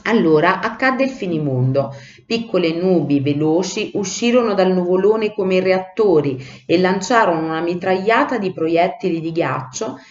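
A woman teacher reading a children's storybook aloud in an animated way, in a roomy, lo-fi recording. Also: on the low side, normal speed, few pauses. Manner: animated, acts out the voices. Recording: roomy, dull lo-fi sound.

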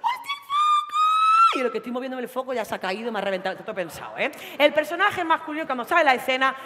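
A woman performing a theatre monologue, explaining her craft in a lively, wry way on stage. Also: on the high side, long reverb tail, slight background noise. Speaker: actress and monologuist.

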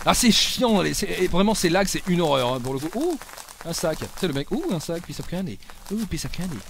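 Young man, live gaming commentary, very high voice, lively swings, faint background noise. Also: brisk, vocal fry. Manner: swings between loud yelling and low muttering, swears a lot. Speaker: gaming streamer.

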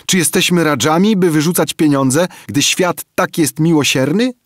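A man's voice: sing-song, measured pace, slightly rough, no echo, studio quality. A man doing a whining, wheedling street boy. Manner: whining, coaxing beggar's pitch. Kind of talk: audiobook character reading.

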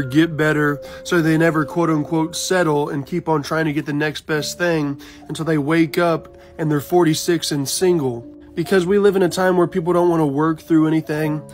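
Man narrating viral news over music. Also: fairly high pitch. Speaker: news-style commentator.

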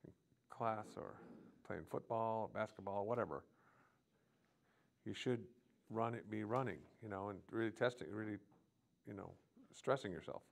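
A man delivering a sermon with a gravelly, creaky edge to his voice. He speaks in short, broken phrases and often restarts them. He moves earnestly between plain teaching and prayers spoken aloud. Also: on the low side, moderate pace, pauses often. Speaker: preacher.

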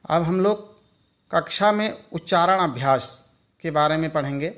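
A man giving a recorded e-learning lecture, explaining slowly and deliberately and speaking worked examples aloud. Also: fairly high pitch, a bit bright. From India. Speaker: teacher educator.

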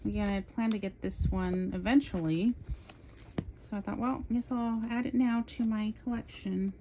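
A woman's voice: mid-range voice, steady tone, warm tone, a little hiss or hum. Chatty woman showing her coloring haul. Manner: chatty, enthusiastic, admits talking fast. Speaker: coloring channel host. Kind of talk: casual haul show-and-tell.

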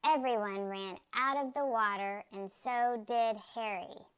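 A woman reading a children's picture book aloud, slowly and carefully, jumping high and loud for the characters' shouts. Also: steady tone, smooth.

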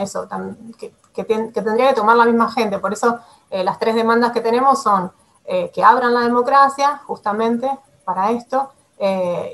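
A woman's voice: medium pitch, fairly bright tone. A woman in her forties with an Argentine Spanish accent from Rosario, speaking as a climate activist guest over a webcam video call, with many fillers, restarts and little laughs. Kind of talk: casual interview answers. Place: small room at home.

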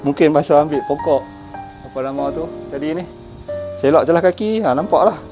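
Over music, a middle-aged vlogger speaks a little fast in a voice on the high side, his northern Malaysian Malay accent muffled by a face mask as he chats casually. He walks outdoors along forest park trails by a cave, filming on a camera at arm's length.

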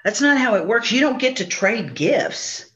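A woman's voice: a little high, big pitch swings, moderate pace, a bit bright, dull audio. A woman voicing a group of forest animals in a told folk tale, firmly explaining the rules to the turtle chief. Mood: scolding. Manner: firm, explaining. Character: chorus of scolding forest animals.

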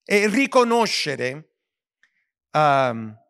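A man's voice: fairly high pitch, sing-song, extremely slow, fairly bright tone, smooth. A man preaching a sermon as pastor, earnest, with frequent restarts and stumbles over words.

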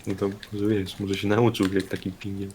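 A man's voice: lowish voice, monotone, moderate pace. A young man bantering casually with a friend while gaming, joking crudely and swearing a lot. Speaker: gaming video co-host. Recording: faint background noise, keyboard clicking.

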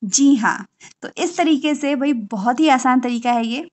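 A young woman in a home tutorial, chatting as she explains and slowly sounding out letter sounds. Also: high voice. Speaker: teacher and channel host.

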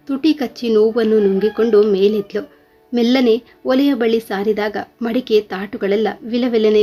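A woman reading a scripted story aloud in a steady, earnest way. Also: medium pitch.

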